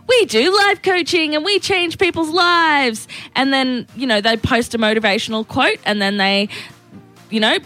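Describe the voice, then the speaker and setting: A woman on breakfast radio rambles through her opinions in loose, filler-filled banter. Her voice is bright and a little high, and faint music plays behind her. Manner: chatty, opinionated, lots of fillers.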